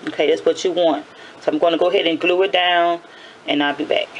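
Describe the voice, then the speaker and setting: A woman with a raspy early-morning voice gives a casual hands-on tutorial, chatty, often repeating and correcting herself. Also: lowish voice, fairly even intonation, quick pace, a little hiss or hum, poor audio. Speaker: nail tutorial host.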